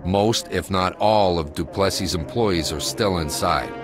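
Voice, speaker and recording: Deep, grave American commander giving a briefing. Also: male voice, music in the background. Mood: grave, commanding. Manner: grave commanding briefing, measured and matter-of-fact. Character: grave, commanding male SWAT commander briefing his team. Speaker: police tactical commander. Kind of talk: scripted mission briefing for a video game.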